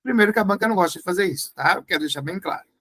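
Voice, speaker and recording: A man's voice: high voice, very fast, a bit bright, low-quality recording. A Brazilian Portuguese tutor, a man, going through exam questions in a review class. He talks in a didactic way, checks in with his students often, and breaks words into syllables to stress them.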